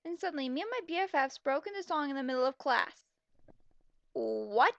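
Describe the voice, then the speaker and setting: Reading a story with sarcastic running commentary, this young woman talks fairly quickly in a high, gravelly, fairly bright voice with lively intonation, her asides blunt, mocking and exasperated. The home recording has no echo but sounds slightly dull.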